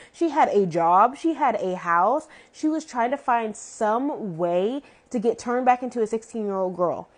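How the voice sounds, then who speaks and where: A woman's voice: mid-range voice, a little mellow. A woman giving a casual, opinionated recap of a TV episode, chatty and full of "like" fillers, with exasperated asides. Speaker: TV show reviewer.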